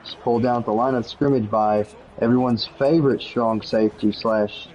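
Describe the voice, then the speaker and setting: A man calling play-by-play for a video game league, quick and jokey, rising to shouts on big plays. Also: mid-range voice, steady tone, lo-fi sound. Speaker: play-by-play commentator.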